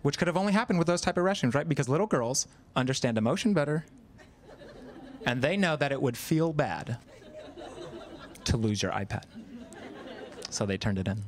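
A man's voice: mid-range voice, animated, moderate pace, pauses often, a faint crowd. A man in his thirties performing stand-up comedy on stage, chatty and self-deprecating, acting out quoted voices. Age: 30s. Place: live comedy venue with audience.

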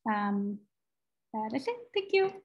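A woman's voice: a little high, very animated, slow. Young woman from Thailand on a lo-fi call. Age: young adult. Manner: friendly, thinks aloud with many fillers and restarts. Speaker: guest speaker, product designer. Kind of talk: casual workshop Q&A on a video call. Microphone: laptop mic on a video call.

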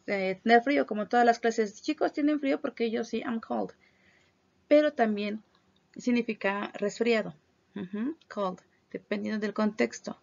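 Slow, gravelly-voiced teacher. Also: female voice, mid-range voice. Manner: slow, careful pronunciation of English words with Spanish glosses. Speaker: primary school English teacher. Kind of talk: online class review, bilingual vocabulary drill. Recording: dull lo-fi recording.

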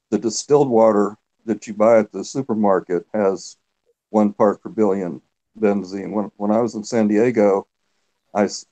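Low, mellow-voiced man explaining calmly. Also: low-quality recording. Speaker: guest, former geologist. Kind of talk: explaining on a video call.

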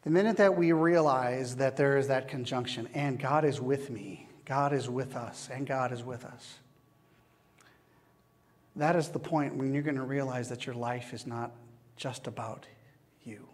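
A man preaching a sermon as pastor, slow and measured with long pauses, recorded in a church. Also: medium pitch. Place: church sanctuary. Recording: long church hall reverb.

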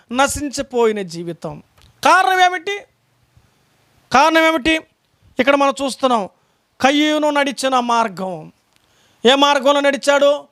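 Male pastor, very high pitch, emphatic sermon full of repeated questions. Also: fairly bright tone. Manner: calls out lines for a reader to read aloud.

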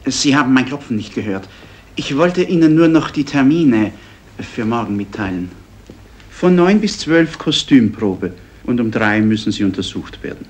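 An actor playing a middle-aged film production aide in a drama, courteous, formal and businesslike. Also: male voice, mid-range voice, lively intonation, normal speed, lightly acted. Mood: polite, businesslike. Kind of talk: naturalistic film acting.

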